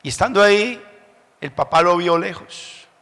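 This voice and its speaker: A man from Colombia with a Bogotá accent, preaching a sermon as a pastor, telling stories slowly and building up to loud preaching. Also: sits high, animated. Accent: Bogotá Spanish. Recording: long hall reverb.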